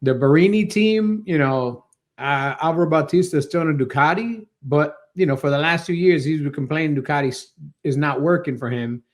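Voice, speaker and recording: Man, panelist, fairly high voice, slangy, emphatic, casual chat. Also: a little fast. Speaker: podcast panelist.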